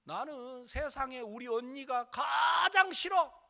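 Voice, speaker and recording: A male preacher voicing a gravely ill young woman who speaks slowly and pleadingly. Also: very high voice, animated, pushed and bright, in a large hall, voice pushed up, heavily acted.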